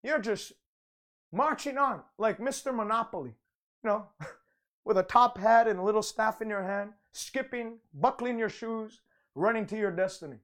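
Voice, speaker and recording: A man's voice: high voice, moderate pace, fairly bright tone. A man preaching a conversational broadcast sermon, speaking in fervent, emphatic declarations and often repeating or restarting his phrases.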